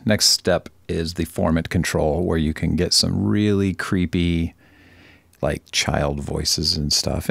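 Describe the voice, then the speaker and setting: This informal software tutorial is led by a man with a very deep voice that breaks into plenty of gravelly fry at the edges. He drifts off track a little and corrects himself with dry humour. The recording is dry, with no room sound.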